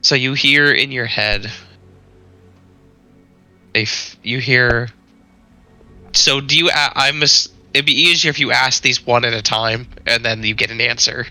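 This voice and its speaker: Male game master, slow and hesitant, bright tone, faint music behind. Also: medium pitch. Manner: hesitant, halting, restarts. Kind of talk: narrating a tabletop game over voice chat.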